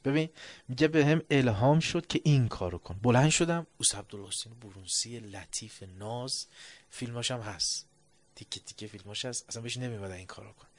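A man preaching a sermon, telling a story and dropping to a low, hushed tone on reflective passages.

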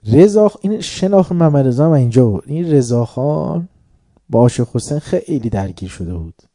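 A man telling a historical anecdote in a lively religious talk, chuckling now and then. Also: medium pitch, dry recording, studio quality.

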